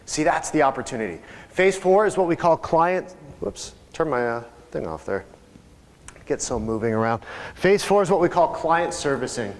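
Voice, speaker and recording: A man's voice: fairly high pitch, lively intonation, normal speed. A man leading a live real estate sales training, talking conversationally and asking the audience questions. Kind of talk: live training seminar talk. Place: training room with reverb. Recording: live room recording with long reverb.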